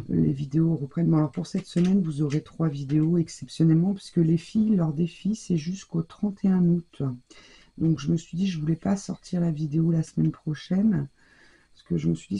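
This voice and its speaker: A woman's voice: on the low side, vocal fry, mellow, husky. A woman giving casual, chatty commentary on her scrapbooking, thinking aloud as she works. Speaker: scrapbooking crafter.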